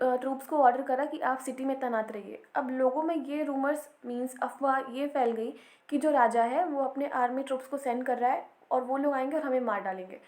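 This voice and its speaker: High-voiced woman teaching in an echoey room. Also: a little mellow. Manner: explains step by step, checking in with "theek hai". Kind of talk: Hinglish history lecture.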